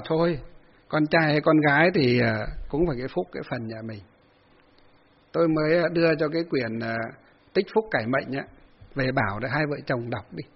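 A man's voice: on the high side, slightly rough, lo-fi sound. A man giving a folksy Buddhist sermon, telling a story with many fillers and acted-out quotes. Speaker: Buddhist monk giving a dharma talk.

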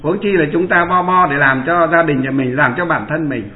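A man's voice: on the high side, moderate pace. A man, a Buddhist monk giving a dharma talk and asking his listeners rhetorical questions. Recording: echoey room over a tinny line.

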